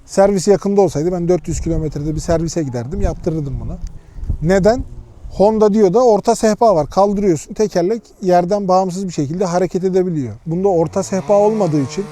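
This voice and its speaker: A man's voice: high voice, fairly quick, warm tone, slight background noise. A man chatting casually as a motorcycle vlogger, informal and unpolished, thinking aloud as he goes. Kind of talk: casual motovlog chat.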